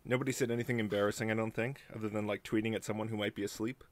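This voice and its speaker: A fairly low-voiced man hosts a casual live stream, joking at his own expense while he sorts out his tech. His audio sits entirely in the left ear, as if panned hard to one side. He speaks into a computer microphone. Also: fairly even intonation, rapid-fire, no echo. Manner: chatty, self-mocking, fumbling with tech. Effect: voice heard in the left ear only. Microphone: computer mic on a live stream.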